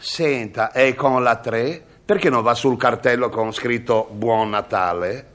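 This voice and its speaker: A man's voice: medium pitch, measured pace, a bit bright. A man playing a wry, mock-innocent cameraman in an old radio comedy sketch, slipping in laughing asides.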